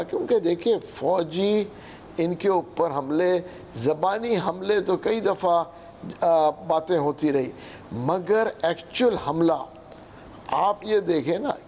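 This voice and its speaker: A man in his sixties with a Pakistani Urdu accent, answering as a political guest in slow, halting sentences full of fillers, often clearing his throat. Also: a little high, a little mellow, a little hiss or hum. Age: 60s. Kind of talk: hesitant interview answers.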